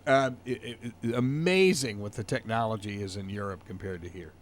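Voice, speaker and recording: A man's voice: fairly low pitch, normal speed, a little hiss or hum. A man hosting a radio talk show, chatting casually and chiming in often. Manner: chatty, interjecting. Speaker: radio host.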